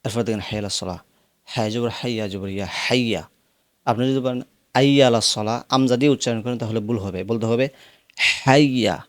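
A man with a Bangladeshi accent teaching how to pronounce the call to prayer, explaining the rules plainly and then chanting long, drawn-out phrases as examples. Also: medium pitch, no room sound, clean studio sound. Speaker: azan teacher. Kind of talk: instructional teaching with sung demonstrations.

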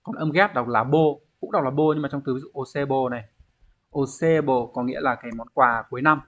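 A man's voice: mid-range voice, a little fast, fairly bright tone. A man teaching an online exam review lesson, explaining step by step and often checking in with his students. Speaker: Japanese teacher. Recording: dull lo-fi recording.

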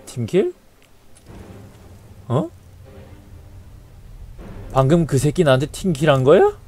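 A young man commentating his own gameplay, swearing and yelling at enemies in frantic outbursts. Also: a little high, wildly swooping pitch, takes it slowly. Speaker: game streamer.

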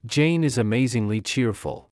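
A man reading short English practice sentences aloud in a deliberate, expressive way. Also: medium pitch, dry recording, studio quality.

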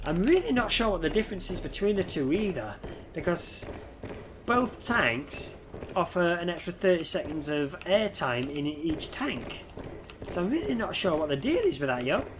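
This streamer, a man in his thirties, speaks at a moderate pace in a high, sing-song voice made nasal by a stuffy nose and head cold. Background noise comes through his headset as he chats casually about the game and swears at the creatures.

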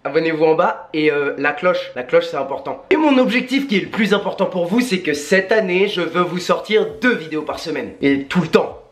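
A young man from France, a sports vlogger, casually telling stories to camera with lively asides. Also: fairly high pitch, a little fast. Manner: lively storytelling, animated asides. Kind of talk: casual vlog narration.

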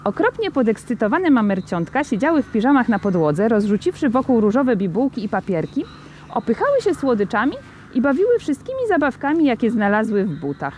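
A woman's voice: fairly high pitch, brisk, a little hiss or hum. Woman reading a novel aloud. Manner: lively expressive storytelling. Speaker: reader.

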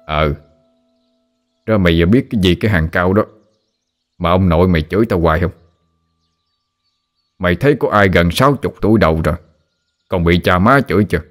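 Man doing a grumpy joking dad near sixty, deep voice, nagging banter. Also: a little fast, pauses often, lightly acted. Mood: teasing. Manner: teasing, grumbling banter. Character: grumbling father nearly sixty, joking.

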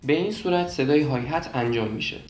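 A young man calmly explaining beatbox technique step by step, repeating points and demonstrating as he goes. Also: a little high, roomy sound, slight background noise. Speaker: beatbox teacher.

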